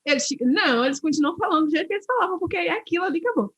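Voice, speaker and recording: A woman co-hosting a podcast, talking in quick, animated casual chat. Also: very high-pitched, dry recording, dull audio. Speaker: podcast host.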